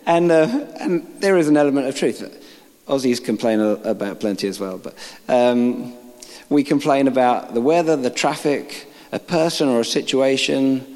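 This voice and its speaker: A man's voice: mid-range voice, moderate pace, a little mellow. A man giving an informal sermon, reading scripture aloud and making joking asides to the congregation. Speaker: preacher. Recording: long reverb of a large hall.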